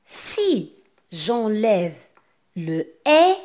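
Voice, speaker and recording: A woman with a North African French accent, teaching a reading lesson to young children and sounding out words clearly. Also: mid-range voice, sing-song, a little mellow. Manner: slow, carefully enunciated, repeating words for children.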